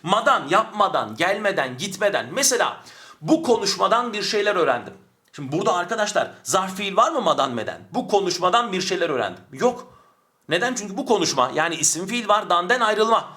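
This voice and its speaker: Male grammar teacher, high and bright, animated, drills students with question-and-answer, a little off-mic. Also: brisk. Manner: animated, stretches words for emphasis, asks and answers his own questions. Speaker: Turkish language teacher. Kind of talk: online grammar lesson. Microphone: camera mic, speaks from a distance to avoid distortion.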